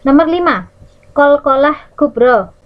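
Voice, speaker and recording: Lively Indonesian woman teaching recitation rules. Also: sits high, muffled recording. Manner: demonstrates Arabic recitation, stretching words slowly; lively teacherly, checks in with "ya" and "nah". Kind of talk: Quran recitation rules lesson for children.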